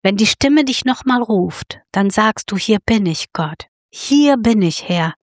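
A woman voicing a very old, nearly deaf male priest who talks low and hushed, brushing off the boy. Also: lively intonation, measured pace, no echo, clean studio sound, close to an everyday voice. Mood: instructing.

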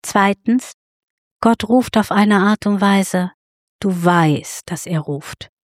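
A woman's voice: mid-range voice, takes it slowly, no room sound, studio quality. A woman preaching a sermon, telling a story and appealing directly to her listeners.

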